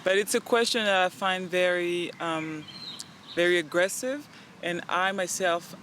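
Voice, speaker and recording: A young woman from the Central African Republic, a native French speaker with a French accent, speaks earnestly and animatedly as a guest in a casual interview, acting out snippets of dialogue. Her voice is fairly low and measured, with a little hiss or hum in the recording.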